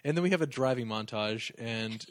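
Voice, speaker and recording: A man's voice: medium pitch, brisk, no room sound. A man co-hosting a casual movie recap chat, making dry, sarcastic asides. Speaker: podcast co-host.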